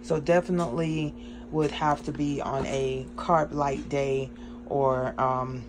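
An upbeat woman runs through a casual grocery haul vlog in her cramped home kitchen. She chats freely and keeps stopping on ums. The phone recording carries a clear layer of background noise. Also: very deep voice, slow. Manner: chatty and excited, with many ums. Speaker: vlogger.

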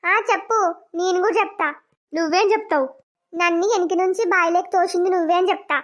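A blunt, sharp-tongued young wife from a village cartoon, voiced by a woman. She speaks with a very high, piercing voice. The audio is dull and lo-fi. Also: steady tone, fast. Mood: scolding. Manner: scolding, blunt village speech.

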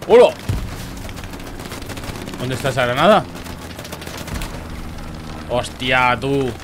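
Excitable Murcian man yelling over gunfire. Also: extremely slow, background noise. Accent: Murcian Spanish. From Murcia, Spain. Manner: excitable, bursts into loud high yells, swears often. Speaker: streamer reviewing viewer gameplay clips. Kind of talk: excited gameplay commentary. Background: faint game gunfire.

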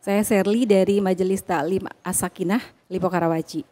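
Lady in the audience asking the ustaz something, kinda hesitant, flat voice. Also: mid-range voice, fairly quick. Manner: polite, hesitant questions with fillers. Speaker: audience member asking a question.

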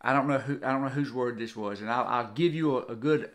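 Fast and fairly bright-toned, a mid-range male voice belongs to an older Southern man, 60s or older, co-hosting a devotional video in his home kitchen. His talk is informal and earnest, with frequent repeated phrases for emphasis.

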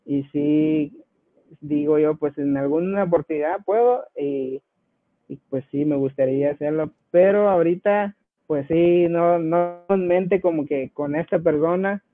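High-voiced man on a tinny line. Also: a little slow. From Guatemala. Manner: easygoing, chuckles between anecdotes. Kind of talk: casual interview storytelling. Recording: tinny phone-like dry sound.

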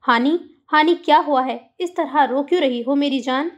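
A woman voicing an older mother figure who calms and gently admonishes. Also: high voice, moderate pace, highs cut off, natural voice. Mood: soothing. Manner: calming, admonishing.

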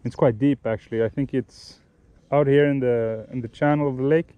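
A young man gives relaxed, explanatory fishing tips outdoors by a lake, often restarting and correcting himself mid-sentence. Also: mid-range voice, normal speed, no echo. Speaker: fishing vlogger. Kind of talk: casual instructional talk while fishing.

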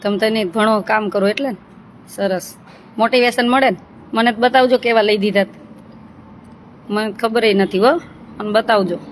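A woman's voice: mid-range voice, steady tone, normal speed, long pauses. A woman, chatting in a motherly, teasing way as an ashram caretaker. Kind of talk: casual chat with girls and viewers. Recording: noisy outdoor recording with traffic.

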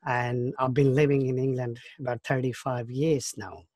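A man in his fifties from Bangladesh, speaking at a middle pitch in an interview. He talks thoughtfully and halts and restarts his phrases. The sound is close and dry, with no room echo. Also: flat delivery, normal speed, a little mellow. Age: 50s. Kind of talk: oral history interview.

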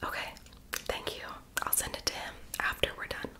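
A young woman doing a whispered role-play in a breathy, unvoiced ASMR whisper with tingly mouth sounds. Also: moderate pace. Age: young adult. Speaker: ASMR performer playing a friend doing homework and makeup on the listener. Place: small bedroom, indoors.

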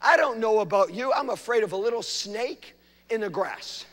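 High-voiced preaching pastor in a reverberant hall. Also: male voice, lively intonation, moderate pace. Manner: preaching with big swings from hushed to loud. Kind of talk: sermon. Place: church sanctuary.

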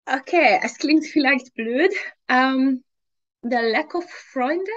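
A Hungarian-accented woman in her thirties, a fitness trainer, takes interview questions via video call in a room at home. Her voice sits high with a fairly bright tone, and she talks slowly and hesitantly, um-ing a lot and laughing often. The recording loses its high frequencies.

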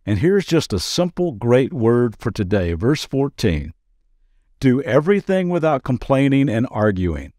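A man's voice: mid-range voice, big pitch swings, measured pace, warm tone, no echo, studio quality. A man pastor giving a daily devotional podcast talk in an earnest, conversational way, with playful asides.

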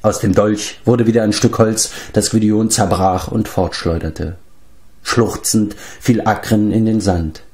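A man narrating an audiobook in a measured, low storytelling tone. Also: fairly even intonation, a little mellow. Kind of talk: audiobook reading.

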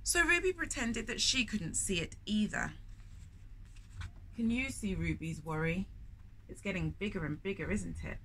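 Her voice here is medium-pitched, expressive, pushed and bright at a moderate pace, captured in a low-quality recording. The middle-aged London woman reads a picture book expressively for storytime in a bookshop, chatting and questioning the children, while shop background noise is clearly audible.

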